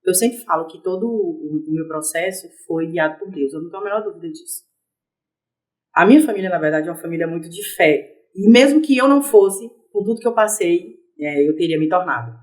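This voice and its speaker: Woman guest on a podcast, talks really fast, lively storytelling, casual chat. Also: fairly low pitch.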